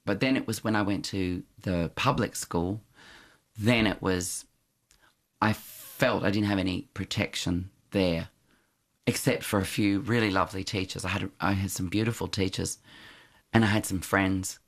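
This interview guest, a middle-aged man, reflects on his time at school in storytelling fashion, punctuated by restarts and gentle laughter. He talks at a moderate pace in a low voice with fairly even intonation.

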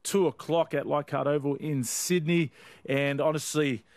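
A man's voice: on the high side, fairly even intonation, moderate pace, darkish tone, no room sound. A male sports host with a casual, upbeat radio manner. The sound is dry and close, with very little room around the voice. He chats like someone at ease presenting a regular show.

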